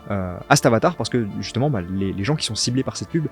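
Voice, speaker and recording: A man's voice: on the low side, expressive, quick pace, faint music behind. A man, a copywriter, giving a casual video tutorial, talking straight to the viewer in an informal, slangy way. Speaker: copywriter teaching ad scripting.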